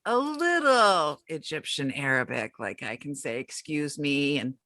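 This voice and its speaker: A woman co-hosting a casual interview, excitable and animated. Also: a little slow, dry recording, clean studio sound. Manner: excitable and animated, jumps up in pitch. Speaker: co-host. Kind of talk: casual podcast interview chat.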